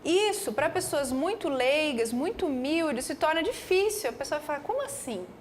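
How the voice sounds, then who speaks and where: A woman with a Brazilian accent giving a lecture to pharmacists, animated and often checking in with her audience. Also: high voice, normal speed, a little hiss or hum. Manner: animated, peppers speech with "né" and "tá".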